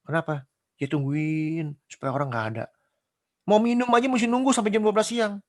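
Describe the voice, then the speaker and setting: A man's voice: high-pitched, steady tone, brisk, darkish tone. A man giving a casual sermon in speech, chatty and conversational, full of rhetorical questions and acted-out quotes. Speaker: preacher.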